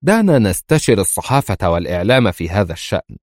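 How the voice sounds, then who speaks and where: Sarcastic stern guy mocking an official, man reading, low voice with big swings. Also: big pitch swings, quick pace, darkish tone, no echo, clean studio sound. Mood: scornful. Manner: sarcastic, scornful.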